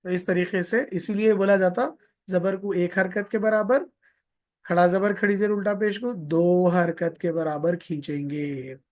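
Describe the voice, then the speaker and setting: A man's high, darkish voice stays steady and a little slow as he teaches Quran recitation in a live online lesson. He repeats points with patience, lengthens vowels for demonstration, and offers pious blessings here and there.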